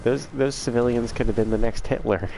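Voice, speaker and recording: A man's voice: medium pitch, fairly even intonation, a little fast, creaky. A man hosting a game livestream in casual chat, joking, swearing and reading chat aloud. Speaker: livestream host. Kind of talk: casual gaming stream chat. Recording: faint background noise.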